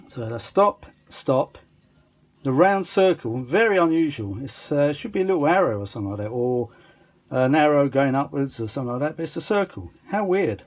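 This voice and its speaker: A man with a mid-range, somewhat dark voice presents a vintage audio restoration as a hobbyist. His demonstration is casual and rambling, chatty and self-deprecating, with asides muttered under his breath.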